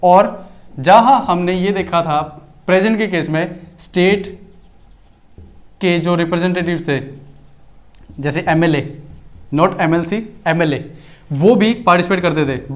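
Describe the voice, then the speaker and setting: High-voiced male teacher. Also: takes it slowly, pauses often. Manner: chatty, explanatory, mixes Hindi with English terms. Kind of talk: recorded exam-prep lecture.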